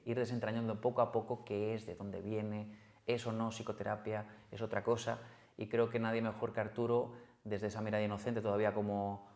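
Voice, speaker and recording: Male podcast host, Spain accent, low voice, rapid delivery, echoey room. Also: a little mellow. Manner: quick introductory patter with fillers. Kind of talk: interview hosting.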